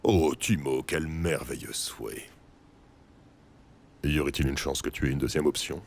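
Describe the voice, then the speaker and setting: A man's voice: extremely low pitch, steady tone, normal speed, gravelly, slight background noise. A man playing a jolly old bearded Santa Claus with a sinister streak, theatrical and grandly reassuring, in a French audio drama. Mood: awkwardly coaxing. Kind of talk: scripted French audio fiction acting.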